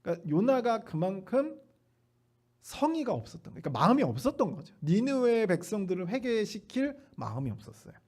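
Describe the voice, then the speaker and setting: A man's voice: high-pitched, sing-song, fairly quick, darkish tone. A male pastor preaching a Sunday afternoon sermon in a church, talking conversationally, asking the congregation rhetorical questions and acting out quoted lines with playful humor. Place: church sanctuary.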